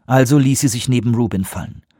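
A man narrating an action scene in an audiobook with steady, tense storytelling. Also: mid-range voice, fast, breathy edge, no echo, studio quality.

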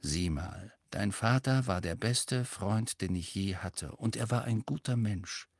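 A man reading an audiobook, voicing a loyal, hot-tempered grown man who speaks low and emphatic. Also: unhurried, dry recording, studio quality. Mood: earnest.

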